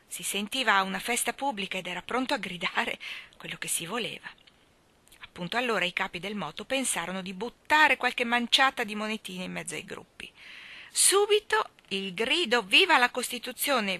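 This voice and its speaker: A woman reads a historical memoir aloud with a bright, forceful voice. Her delivery is dramatic, sinking into hushed, almost whispered phrases and climbing to emphatic heights. It is a steady audiobook narration. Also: medium pitch. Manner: dramatic, shifting between hushed near-whispers and raised emphatic passages. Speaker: reader.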